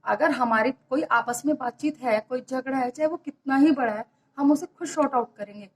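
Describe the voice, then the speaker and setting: High-voiced woman giving earnest relationship advice. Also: a little fast, rough recording. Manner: earnest, questioning, repeats points. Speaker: motivational speaker. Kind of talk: motivational talk on marriage.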